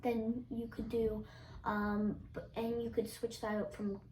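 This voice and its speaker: A woman's voice: fairly high pitch, monotone, unhurried, darkish tone, slight background noise. A teenage girl answering interview questions casually and hesitantly, with many ums and restarts. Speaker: interviewee, younger sibling. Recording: roomy echo, distant mic.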